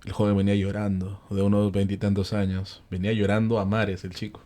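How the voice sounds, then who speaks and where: A Peruvian man with a somewhat low voice narrates a ghost story in a casual panel chat. He is an animated storyteller who acts out the characters' lines, and he often uses fillers and tag questions. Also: fairly quick. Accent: Peruvian Spanish. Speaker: panel guest telling ghost stories.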